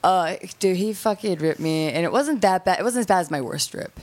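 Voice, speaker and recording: A woman's voice: lowish voice, animated, brisk, darkish tone. A young woman telling candid, crude stories in a casual chat, full of fillers and restarts.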